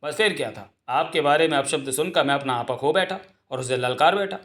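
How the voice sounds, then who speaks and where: A man's voice: fairly high pitch, fairly quick, fairly bright tone, natural voice. A man voicing a sly, glib male court servant spinning tall tales in a comic dub. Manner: glib, wheedling.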